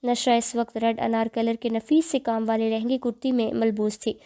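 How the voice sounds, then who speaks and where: Woman audiobook narrator, earnest storyteller, warm low-brightness tone. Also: fairly even intonation. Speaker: novel narrator.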